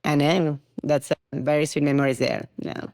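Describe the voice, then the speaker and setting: A woman's voice: deep voice, fairly even intonation, normal speed, darkish tone, dry recording, studio quality. A middle-aged woman from Argentina with an Argentine accent, a podcast guest talking casually and laughing often, with many "you know" fillers. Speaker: guest, tango studio founder.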